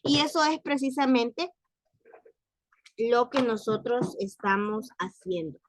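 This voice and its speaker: A woman's voice: a little high, slow pace. A woman teaching French to Spanish speakers in a recorded lesson, patiently repeating and explaining words. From Latin America.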